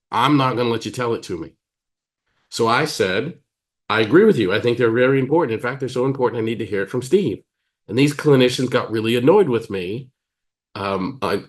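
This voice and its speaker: A man with an American accent, giving a teaching talk as a therapist, emphatic and pausing deliberately, acting out quoted dialogue. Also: mid-range voice. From United States. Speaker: psychotherapist and trainer.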